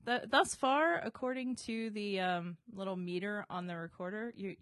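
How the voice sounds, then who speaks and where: A woman's voice: mid-range voice, moderate pace, a bit bright, clear, resonant tone, no room sound, studio quality. A woman hosting a bookshop podcast in an informal, chatty style. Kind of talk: casual podcast chat.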